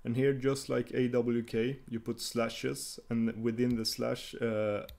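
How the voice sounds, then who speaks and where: A man talks through a coding screencast in a mid-pitched voice, explaining each command as he types. He hesitates often and restarts his phrases, and keyboard clicks come through behind him. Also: flat delivery, takes it slowly, gravelly, a little mellow. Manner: hesitant, many fillers and restarts while typing. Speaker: tutorial host.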